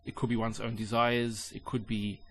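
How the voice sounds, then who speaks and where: A man teaching an Arabic linguistics lesson in English, explaining calmly with measured pauses. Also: on the low side, a little hiss or hum.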